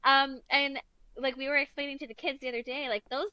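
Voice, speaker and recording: A woman's voice: sits high, fairly quick, dry recording, lo-fi sound. Reflective woman in her thirties, dry close sound. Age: 30s. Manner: relaxed storytelling, reflective, many fillers. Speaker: podcast guest. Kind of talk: casual chat.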